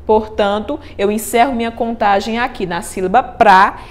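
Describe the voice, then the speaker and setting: A woman's voice: on the high side, moderate pace. A woman with a Brazilian Portuguese accent, a poet and teacher, explaining how to write rhymed verse in a patient, methodical way and checking in with her listener. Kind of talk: explanatory lesson on writing verse.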